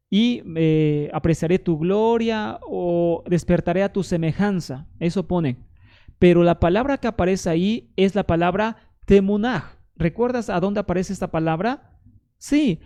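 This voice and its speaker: A man with a high-sitting, dark voice speaks straight to camera, teaching a Bible history lesson with emphasis and arguing back against the objections he imagines his listener raising.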